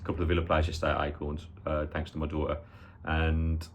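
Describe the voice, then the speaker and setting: A man in his forties with a low voice and a Brummie accent. He talks casually as a football fan previewing a match for his viewers, rambling a little and adding matey tag questions. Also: monotone, fast, slight background noise. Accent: Birmingham (Brummie). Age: 40s.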